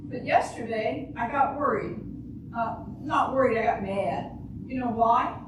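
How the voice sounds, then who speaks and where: In an amateur readers' theater, an older woman plays a naive, blunt housewife and mother who talks matter-of-factly about shooting her husband, recounting it earnestly in plain, literal-minded, ungrammatical phrasing. Her lightly acted voice is on the high side and unhurried, recorded from a distance in a very echoey, noisy room.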